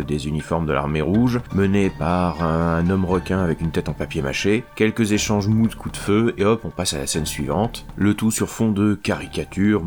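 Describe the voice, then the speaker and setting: A man's voice: low voice, a little mellow. A man giving a comic spoken film review in a sardonic, exasperated manner.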